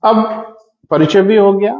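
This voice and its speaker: A male teacher giving a classroom lecture, calling his students "beta" and slowing down so they can take notes. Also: sits high. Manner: addresses students as "beta", dictating slowly. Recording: echoey dull classroom audio.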